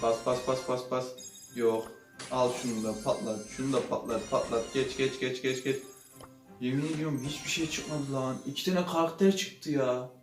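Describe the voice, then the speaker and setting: Excitable young-sounding man, roomy distant mic. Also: mid-range voice, normal speed, over music. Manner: excitable, swings between muttering and loud outbursts. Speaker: gaming channel host. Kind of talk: casual gaming commentary while opening loot boxes.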